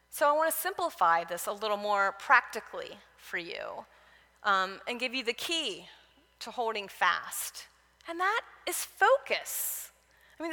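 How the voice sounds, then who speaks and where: A woman's voice: mid-range voice, pushed and bright. A woman giving a Bible teaching talk, conversational, mixing personal stories with direct exhortations. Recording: long reverb of a large hall.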